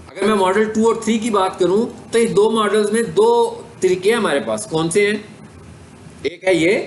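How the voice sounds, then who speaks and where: A Pakistani-accented man gives a classroom lecture, walking through each point step by step and posing questions only to answer them himself. His voice sits fairly high for a man. The room is echoey, with a faint hiss underneath. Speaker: digital marketing instructor.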